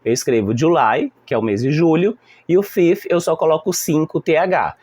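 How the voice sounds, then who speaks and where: A man's voice: a little high, normal speed, breathy edge. A man with a Brazilian Portuguese accent, a teacher explaining a lesson plan to other teachers and acting out how the class talks back. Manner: animated, acting out classroom exchanges. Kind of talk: instructional talk to fellow teachers.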